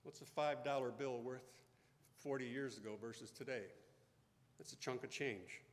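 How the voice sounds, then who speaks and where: A man in his fifties telling a personal story in a sermon, slow and deliberate, growing hushed at tender moments. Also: mid-range voice, steady tone. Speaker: pastor. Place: church sanctuary. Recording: echoey church hall.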